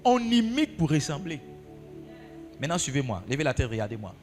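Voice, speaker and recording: A pastor with a fairly high voice preaches to his congregation. His pitch swings widely as he repeats his points and asks questions. Soft music plays underneath. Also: very animated, brisk, in a large hall. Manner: repeats key phrases for emphasis. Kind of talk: sermon.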